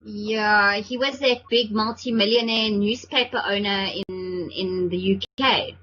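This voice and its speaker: A woman co-hosting a podcast, chatty and quick to jump in with jokes. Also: medium pitch, steady tone, bright, forceful tone. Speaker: podcast co-host. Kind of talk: casual chat. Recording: dull lo-fi sound with faint noise.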